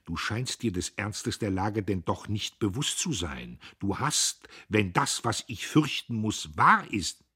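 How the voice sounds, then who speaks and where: A man voicing a pompous, self-important young brother who talks loud and indignant. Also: mid-range voice, expressive, brisk, husky, no room sound, clean studio sound, pitched above the performer's own voice.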